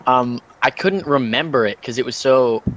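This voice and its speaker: A man's voice: medium pitch, moderate pace, highs cut off. A man co-hosting a podcast, talking in a dry, teasing and profane way. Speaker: podcast co-host. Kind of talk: casual chat.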